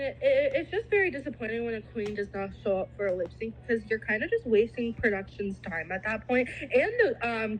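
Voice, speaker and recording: A woman's voice: on the high side, rough recording. A woman from Canada talking as a podcast guest, blunt, profane and playful. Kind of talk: casual chat.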